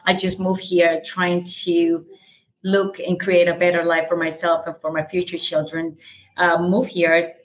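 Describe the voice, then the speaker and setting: A Salvadoran woman whose first language is Spanish speaks English with a light Salvadoran accent, her voice sitting slightly low. She owns a real estate brokerage and appears as a guest on a casual podcast. Her pace is measured overall, yet she talks in energetic bursts sprinkled with fillers.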